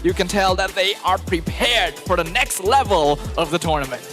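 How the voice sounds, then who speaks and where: A man giving analytical esports commentary in a measured, articulate way. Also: high voice, lively intonation. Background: game music.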